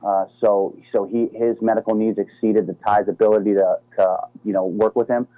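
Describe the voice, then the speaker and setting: A man's voice: fairly low pitch, steady tone, normal speed, dry recording. A middle-aged American man, a former Navy SEAL guest, talking casually over the phone and calling the host "man" and "dude". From United States. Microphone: phone line. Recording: tinny phone line, dry.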